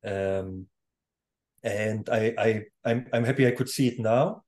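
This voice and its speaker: A man in his thirties with a slow, slightly mellow, lowish voice chats as a guest in a casual interview. He is a music producer, born in Poland and raised in Germany, who speaks English as a second language with German as his first. He laughs easily and often restarts his sentences.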